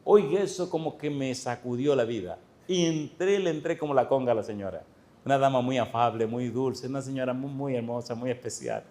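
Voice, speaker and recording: A man's voice: medium pitch, brisk. Man preaching a story-filled sermon. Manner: lively storytelling, addressing the congregation with questions. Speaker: pastor. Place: church.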